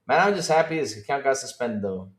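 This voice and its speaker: A man from the Dominican Republic hosts a casual gaming stream, chatting straight to his audience. He is animated and laughs often, jumping from loud exclamations to low mumbles. His voice rings with a roomy echo. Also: quick pace. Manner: animated, laughing, swings between loud outbursts and mumbled asides. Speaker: podcast host. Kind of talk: casual livestream chat.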